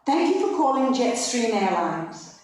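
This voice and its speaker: A woman's voice: fairly high pitch, measured pace, a little hiss or hum. A woman giving a polite scripted recorded phone message on an airline hold line. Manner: polite, even scripted reading. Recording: echoey playback heard from far off.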